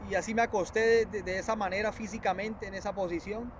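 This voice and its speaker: High-voiced man giving an earnest testimony. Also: steady tone, noisy background. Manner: earnest, repetitive, halting storytelling with many restarts; addresses listeners as brothers. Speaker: preacher. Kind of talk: spoken religious testimony.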